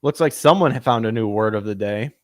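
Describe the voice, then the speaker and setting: A man's voice: on the low side, a little fast, no room sound, studio quality. A man hosting a podcast, reading news and mocking it with sarcastic asides, laughing at his own jokes and stumbling over words. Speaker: podcast host. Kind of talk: casual commentary reading news aloud.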